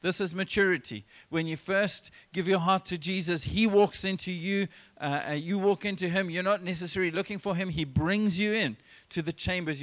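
Pastor, male, high voice, preaching an earnest church sermon with emphatic phrasing and quick restarts. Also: a bit bright. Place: church service.

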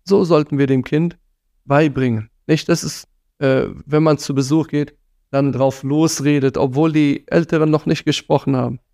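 Guy preaching about raising kids, gravelly and a bit high, dry close sound, lectures earnestly. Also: fairly even intonation, normal speed, darkish tone, no room sound. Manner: earnest and admonishing, sprinkles Arabic phrases. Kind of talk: religious talk on parenting.

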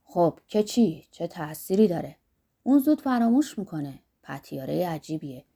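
A woman voicing a rough, lusty old man who talks bluntly and boastfully about life and age. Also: fairly low pitch, sing-song, dark tone, exaggerated voice. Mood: earthy musing.

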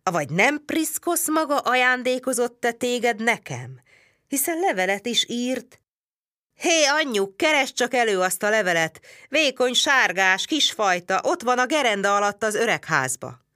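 A woman doing a gruff barbarian man. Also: extremely low pitch, animated, a bit bright, no room sound, clean studio sound, full character voice. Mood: insistent. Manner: grumbling, then bellowing. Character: gruff, hot-tempered barbarian man of the house.

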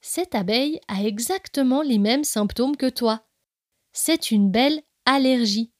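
A woman's voice: fairly high pitch, measured pace, no room sound, studio quality, natural voice. A woman voicing a kindly, reassuring father squirrel in a storybook tale. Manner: gentle, reassuring.

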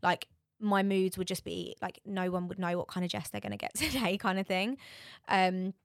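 A woman's voice: lowish voice, expressive, normal speed, clean tone, no room sound, clean studio sound. A woman talking casually and informally as an interview guest. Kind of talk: casual chat.

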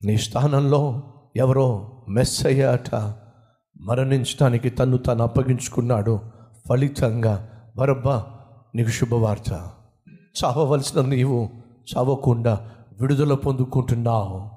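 A man playing a solemn male jail warden who speaks slowly and gravely, inside a sermon. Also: medium pitch, dark tone, in a large hall, pitched below the performer's own voice, close to an everyday voice.

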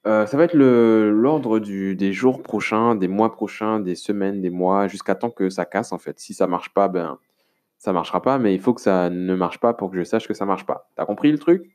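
A man from France with a somewhat low voice hosts his solo podcast. He talks at length in a relaxed, rambling way, stopping often on fillers and restarting his sentences as he addresses the listener informally. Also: moderate pace. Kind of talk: casual solo podcast monologue.

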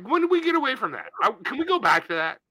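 A man's voice: extremely high pitch, big pitch swings, fast talker, sharp tone, dry recording. A man co-hosting a podcast, riffing in casual comedic banter and slipping into silly put-on voices. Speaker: podcast co-host.

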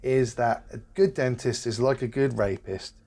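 A man's voice: mid-range voice, warm tone. A man co-hosting a podcast, chatting casually in a jokey, teasing way and often cutting in. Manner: jokey, teasing, quick to interrupt. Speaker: podcast co-host. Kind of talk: casual chat.

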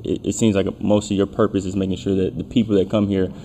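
Mellow, low, even-toned male interviewer. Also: fast, a little hiss or hum. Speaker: podcast interviewer. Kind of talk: casual conversational questioning.

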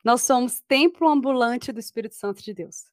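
A woman's voice: on the high side, fairly quick, no echo, clean studio sound. A woman hosting a podcast, speaking in an affirming, heartfelt way. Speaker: podcast host. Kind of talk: podcast talk.

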